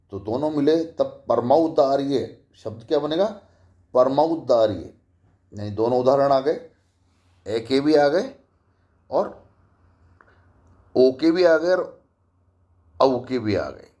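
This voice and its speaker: Slow, mellow male grammar teacher. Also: mid-range voice, highs cut off. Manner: slow, repeats each example and asks rhetorical questions. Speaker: Hindi college teacher. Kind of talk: grammar lecture.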